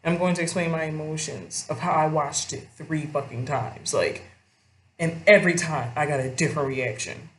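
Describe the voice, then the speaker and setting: A woman's voice: low voice, moderate pace. A young woman giving casual commentary to her viewers, rambling and swearing freely as she talks straight to them. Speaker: vlogger. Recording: roomy echo.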